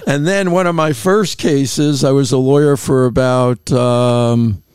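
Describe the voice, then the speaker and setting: An older man, a lawyer and professor, telling unhurried anecdotes in an interview, chuckling between stories. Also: mid-range voice, steady tone, darkish tone, smooth, no echo. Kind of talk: interview storytelling. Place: Miami.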